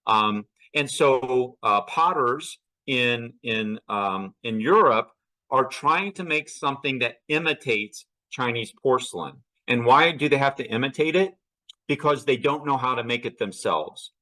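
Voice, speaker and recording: A man's voice: mid-range voice, unhurried, bright, forceful tone, low-quality recording. A man giving a slide lecture on archaeology, asking questions and answering them himself as he explains.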